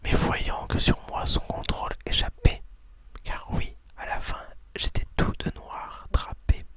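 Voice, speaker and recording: A woman leads talk and poetry readings in a quiet, breathy whisper. Her ASMR-style speech is leisurely and somewhat halting.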